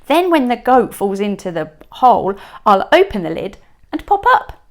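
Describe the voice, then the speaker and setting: A woman's voice: medium pitch, big pitch swings, moderate pace. A small-voiced timid troll, as a woman puts him on. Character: timid male troll cook, nervous and stammering.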